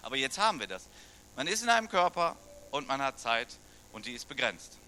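Briskly and with big pitch swings, a middle-aged German pastor preaches in a pushed, bright, mid-range voice. He addresses the congregation conversationally, often asking them questions, over a faint hiss or hum.

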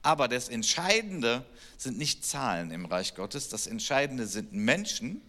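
A man preaching a sermon, animated and emphatic, drawing out key words slowly. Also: medium pitch. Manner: animated, emphatic preaching with slow drawn-out stresses. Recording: long church-hall reverb.

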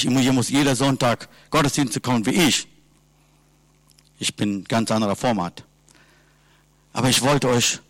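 A man preaching a sermon in simple, halting sentences, earnestly asking his listeners question after question. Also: medium pitch, no room sound. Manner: earnest, asks repeated rhetorical questions. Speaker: lay preacher.

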